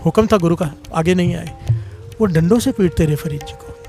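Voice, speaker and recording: A man's voice: a little fast, dark tone, faint music behind. A man preaching a devotional sermon, telling a story with half-sung phrases and calling out for the congregation to respond. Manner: storytelling, half-sung phrases, swells in pitch when moved.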